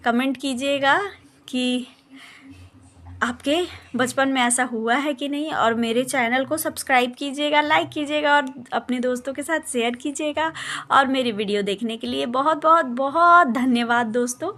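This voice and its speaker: ऊँची आवाज़ में किस्से सुनाती महिला. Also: female voice, sits high, normal speed. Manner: chatty, animated, addresses viewers as friends. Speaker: vlogger. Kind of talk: casual storytelling vlog.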